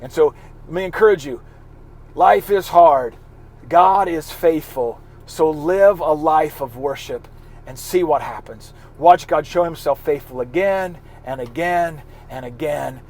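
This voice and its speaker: A man giving an informal devotional talk as a pastor, earnest and encouraging, often halting and repeating words. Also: fairly high pitch, darkish tone.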